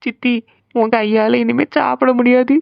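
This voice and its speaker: A woman's voice: fairly high pitch, fairly even intonation, slow pace, vocal fry, clean tone, no echo. A woman voicing a clingy young wife in a cartoon, pleading in a whiny way. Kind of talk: Tamil cartoon dubbing. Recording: slightly dull lo-fi sound.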